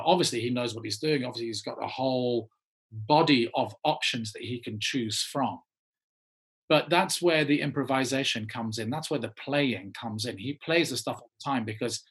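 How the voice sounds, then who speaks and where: A man with an English accent recounts a story in relaxed conversation. He has a slightly husky voice. His pitch jumps up when he acts out other people's lines. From England. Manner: animated storyteller acting out quoted voices. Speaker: actor guest. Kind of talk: casual interview anecdote.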